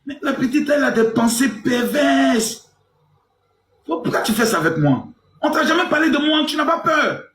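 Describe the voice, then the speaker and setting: A man's voice: animated, moderate pace, echoey room, slight background noise. Crude, teasing man in his forties. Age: 40s. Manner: crude, teasing, mock-indignant, swings loud and low. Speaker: live stream host. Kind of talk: provocative live stream banter.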